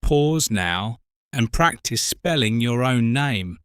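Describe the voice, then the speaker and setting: A British man in his forties co-hosting an English lesson podcast, speaking slowly and clearly for learners. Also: mid-range voice, lively intonation, fairly bright tone, no room sound, clean studio sound. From Britain. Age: 40s. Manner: slow, careful, spells out words. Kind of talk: slow scripted teaching talk.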